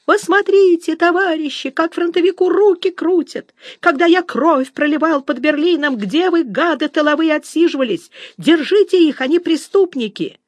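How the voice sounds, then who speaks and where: A woman voicing a male pickpocket who loudly plays the wronged victim in a drawling wail. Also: sits high, expressive, moderate pace, no echo, pitched above the performer's own voice. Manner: loud drawling protest. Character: male pickpocket, shrill, whining, playing the victim.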